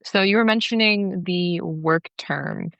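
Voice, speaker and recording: A woman hosting a podcast interview, introducing the guest and asking questions briskly. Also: fairly low pitch, vocal fry, clear, resonant tone, dry recording, muffled recording. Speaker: podcast host.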